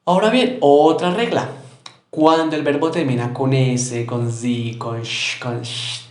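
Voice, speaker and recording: Man, Spanish-speaking English teacher, British accent in the examples, repeats examples patiently, mid pitch, echoey room. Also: fairly even intonation, measured pace. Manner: explains step by step, repeating example words. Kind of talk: recorded English grammar lesson.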